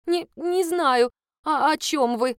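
A woman voicing a plump, nosy female accountant who speaks in a shrill, flustered and indignant way. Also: slow, no echo, clean studio sound. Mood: frightened.

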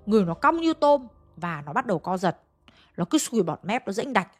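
A woman's voice: medium pitch, big pitch swings, fairly quick. A woman narrating a ghost story in a chatty way, speaking straight to her listeners. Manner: chatty, addresses listeners directly.

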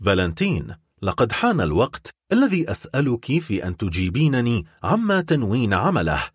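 A man reading an audiobook, voicing a desperate young man in love, speaking gravely and with resolve. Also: medium pitch, huge pitch swings, a little fast, no room sound, studio quality.

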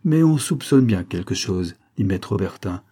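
A man's voice: on the low side, animated, normal speed, warm tone, husky. A man narrating a historical story in French as an audiobook reader, reading steadily.

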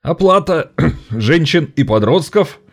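A man's voice: fairly high pitch, animated, takes it slowly, voice pushed up. A man voicing a fiery orator rousing striking workers in an audiobook. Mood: indignant. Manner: rousing, indignant speech.

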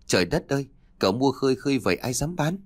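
A man voicing a nervous, gossipy middle-aged woman who keeps a tea stall, talking in a hushed, fretful way. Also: medium pitch, sing-song, fast, no echo, studio quality, pitched above the performer's own voice.

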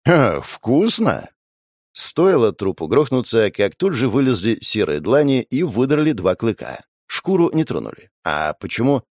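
A man's voice: mid-range voice, very animated, moderate pace, hardly any pauses, darkish tone, dry recording, studio quality. A man narrating a first-person fantasy audiobook in a sardonic, crude, wry way.

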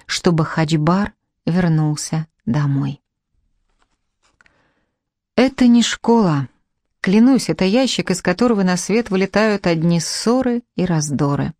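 A woman narrating an audiobook in a measured, even reading. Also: lowish voice, no room sound, studio quality.

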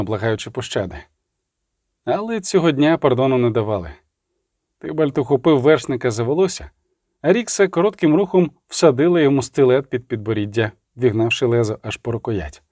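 A man's voice: medium pitch, a little mellow, dry recording, studio quality. A man narrating a fantasy novel as an audiobook, telling it dramatically and shifting his voice for the characters.

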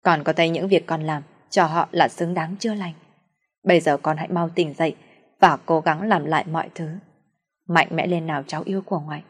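A gentle old grandmother's voice, as a woman reading an audio story puts her on, soft, tender and pleading. The tone is low-pitched and husky, unhurried in its kindness. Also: fairly even intonation. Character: gentle elderly grandmother spirit consoling granddaughter.

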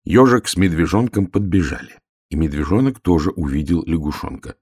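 A man narrating a children's fairy tale in an expressive, animated storytelling voice. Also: low voice, fairly quick, breathy edge, no echo, studio quality. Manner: animated, voices all the characters.

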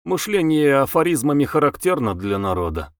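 A man's voice: medium pitch, big pitch swings, a little fast, dry recording, studio quality, voice pushed up, lightly acted. Self-important educated young man, authoritative and lecturing, voiced by the reader. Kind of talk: audiobook character voice.

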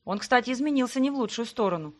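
A woman narrating a first-person novel in a measured, even reading. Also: on the high side. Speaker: audiobook reader.

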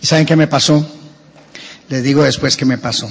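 A man with a Colombian accent preaching a sermon as pastor, animated and telling humorous anecdotes. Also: mid-range voice, a little fast, creaky, a little hiss or hum. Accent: Colombian Spanish. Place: church. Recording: church hall reverb.

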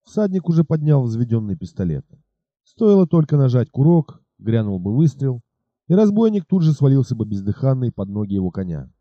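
A man reading an adventure novel aloud as a narrator, dramatic and lively. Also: mid-range voice, a little fast, no echo, highs cut off. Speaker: audiobook narrator. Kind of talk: expressive scripted narration.

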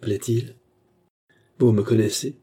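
A man voicing a cold, unflappable young nobleman posing as an Englishman, who speaks with calm, impassive denials. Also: fairly low pitch, slow pace, slightly rough, full character voice. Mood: cool.

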